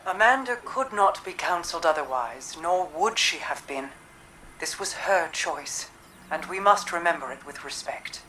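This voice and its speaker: An actress playing an ancient, grieving but composed female leader in a video game, speaking in measured, formal phrases. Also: fairly low pitch, lively intonation, bright, forceful tone, slight background noise, rough recording. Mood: firm, restrained. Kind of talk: dramatic video game acting.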